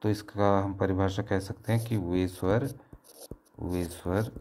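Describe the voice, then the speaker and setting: Slow, low-voiced man teaching children. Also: steady tone, a little mellow, slight background noise. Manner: slow, repetitive, asks and answers own questions. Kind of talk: classroom lesson explaining grammar.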